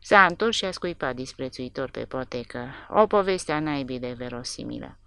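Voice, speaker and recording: A woman reads a war novel aloud with dramatic expression. Her voice sits low but moves with lively pitch. The recording is close and dry. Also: gravelly, clean tone, dry recording. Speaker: audiobook narrator.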